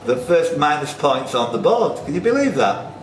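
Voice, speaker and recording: With a fairly high voice that swings widely in pitch, a man hosts a quiz at normal speed, reading out the questions he set and cracking jokes along the way. The recording comes from a noisy, echoey room.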